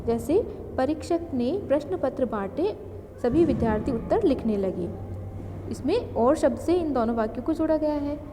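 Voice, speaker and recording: Woman teacher, high voice, methodical grammar lesson, long reverb and faint room hiss. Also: lively intonation, moderate pace. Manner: explains step by step, reading out lists of examples. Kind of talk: grammar lesson for school students.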